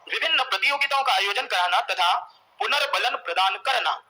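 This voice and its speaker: A man teaching in a classroom with a very high, ringing voice. He dictates each point to be written down, says it over again for the note-takers and keeps firing questions at the class. The tone is sharp and bright throughout. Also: poor audio. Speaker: exam coaching teacher. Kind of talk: classroom lecture, dictating notes.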